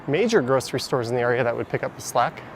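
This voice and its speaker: A man's voice: mid-range voice, animated, quick pace. A man with a Canadian accent chatting casually as he power walks and live streams through city streets. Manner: chatty, speaks while power walking. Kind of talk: casual walking commentary. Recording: outdoor street noise. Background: traffic and street noise.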